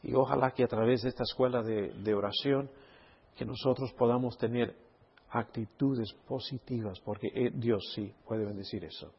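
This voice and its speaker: A man's voice: medium pitch, steady tone, moderate pace, breathy edge, highs cut off. A man speaking as a pastor in a Bible study sermon, emphatic, posing rhetorical questions and checking in with his listeners.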